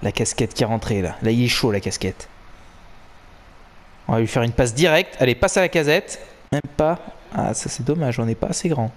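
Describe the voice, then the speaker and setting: A young man giving excited, swearing live commentary while playing a football video game. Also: medium pitch, normal speed, pauses often. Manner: animated, swearing, cheering and groaning at the match. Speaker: gaming commentator.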